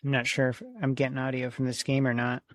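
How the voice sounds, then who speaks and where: A man's voice: mid-range voice, monotone, fast talker, no echo. A man co-hosting a casual gaming podcast, easygoing and laid-back. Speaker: podcast co-host.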